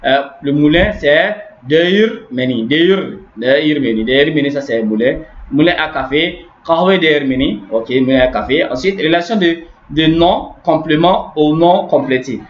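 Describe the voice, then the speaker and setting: A man's voice: on the high side, expressive, moderate pace, hardly any pauses. A man teaching a grammar lesson step by step, repeating words and often checking understanding. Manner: repetitive, explaining step by step with frequent "n'est-ce pas". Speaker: language teacher. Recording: echoey room, dull lo-fi sound.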